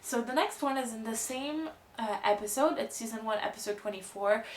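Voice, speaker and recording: A woman chatting casually to camera about books, chatty and self-deprecating, laughing often. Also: on the low side. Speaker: book vlogger. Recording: echoey room with faint hum.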